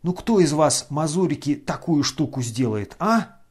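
A man's voice: on the high side, lively intonation, a little slow, a little mellow, slightly rough. A man reading an audiobook who voices a wild, boisterous young merchant crowing with delight. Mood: exultant. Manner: exultant, boisterous exclamations.

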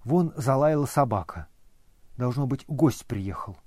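A man narrating a novel as an audiobook, in a measured, expressive reading. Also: mid-range voice, breathy edge, no room sound, studio quality.

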